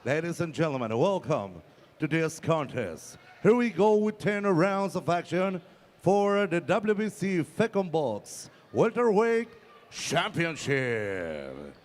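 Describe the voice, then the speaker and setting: Male ring announcer, bilingual English, high voice, lucha-libre showmanship, elongated names. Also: sing-song, takes it slowly. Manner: showy, stretches out names and titles.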